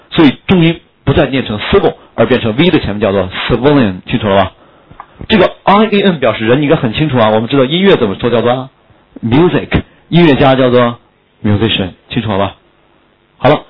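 A man's voice: mid-range voice, breathy edge, lo-fi sound. A man teaching English vocabulary in a classroom lecture, joking and asking his students questions. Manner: quick, joking, asks students questions often.

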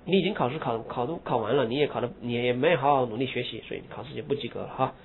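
A man teaching English grammar, explaining in Mandarin and reading English example phrases slowly and with emphasis. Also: mid-range voice, slight background noise. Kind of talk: lecture. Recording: husky lo-fi phone-like recording.

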